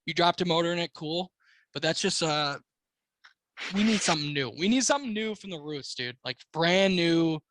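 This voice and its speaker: American guy doing casual podcast chat, frat bro slang n swearing, slightly high voice, dry close sound. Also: animated, moderate pace, a bit bright, no echo. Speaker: car podcast co-host.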